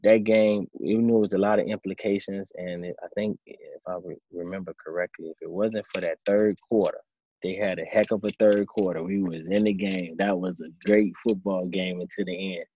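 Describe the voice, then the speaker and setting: A man in his thirties, a former quarterback turned coach, answering interview questions in a relaxed storytelling way. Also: deep voice, fairly quick, dull audio, slight background noise. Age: 30s. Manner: relaxed storytelling, acts out his own past thoughts.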